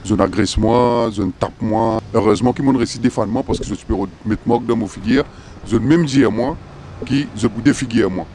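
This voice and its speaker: A man with a Mauritian accent, his voice disguised by a pitch-lowering filter, speaking halting broken French as an interviewed police informant. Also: a little mellow, slight background noise. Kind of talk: news interview.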